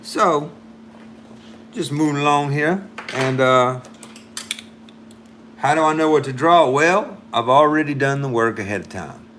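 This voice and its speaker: With a slightly high, fairly bright voice, the man pauses often and keeps a measured pace while chatting on his drawing livestream. He rambles, thinks out loud, and now and then throws in amateur French, with slight noise in the background.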